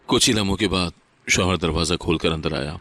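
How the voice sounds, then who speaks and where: A man reading a sad first-person moral story as scripted narration, steady and solemn. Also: low-pitched.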